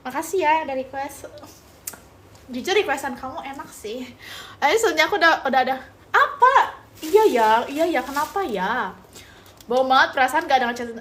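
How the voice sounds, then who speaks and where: Young indonesian girl doing a live food stream, high voice, really bouncy, teasing chat, bit of faint noise behind. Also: moderate pace. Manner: playful, teasing, lots of repetition and mixed English. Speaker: mukbang livestreamer. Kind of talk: casual live-stream chat reading comments.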